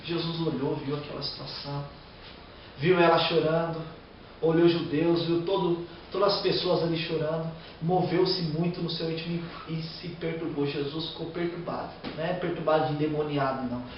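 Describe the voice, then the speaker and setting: Preacher in a distant echoey hall. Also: male voice, fairly high pitch, steady tone, moderate pace, dull audio, slight background noise. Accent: Brazilian Portuguese. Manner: reads scripture then preaches with emotional outbursts. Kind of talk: sermon.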